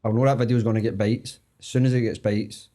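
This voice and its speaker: A man's voice: lowish voice, flat delivery, quick pace, dark tone. A Scottish man guesting on a podcast, telling his story bluntly in casual chat. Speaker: guest, social media creator.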